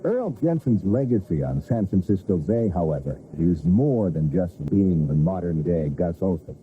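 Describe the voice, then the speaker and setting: A male TV news reporter narrating a scripted feature story in a measured, storytelling delivery. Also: low-pitched, lively intonation, a little hiss or hum. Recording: tinny VHS broadcast with music.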